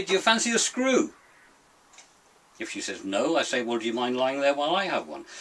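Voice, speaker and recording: A man's voice: medium pitch, a bit bright. An older British man delivering a grumpy, blunt comic rant, grumbling his opinions with emphatic, theatrical delivery. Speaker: solo monologue presenter. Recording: distant mic, faint noise.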